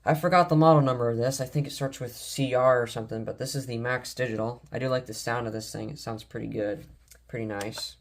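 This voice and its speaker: Talking fast with fairly even intonation, a man with a mid-range voice rambles casually through a vlog-style display of his weather radio and scanner collection. He is enthusiastic but frequently trips over his words.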